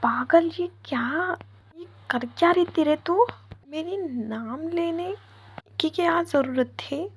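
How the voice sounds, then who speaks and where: A woman's voice: fairly high pitch, slow pace, long pauses, slightly rough, heavily acted. Viya, a woman doing a nervous, flustered young woman. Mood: exasperated. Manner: nervous, stammering, pleading. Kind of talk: storytelling role voice.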